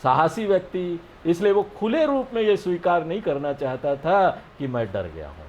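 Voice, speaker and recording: A man giving a scripture lesson. He explains each verse slowly and often checks with his listeners. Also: a little high, very animated, a little mellow, lo-fi sound, a little hiss or hum. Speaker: spiritual teacher.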